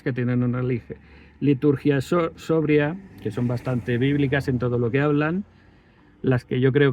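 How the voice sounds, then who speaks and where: A man's voice: mid-range voice, a little mellow. A man, telling a personal story in a rambling way with many restarts. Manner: rambling, with self-corrections and fillers. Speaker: vlogger.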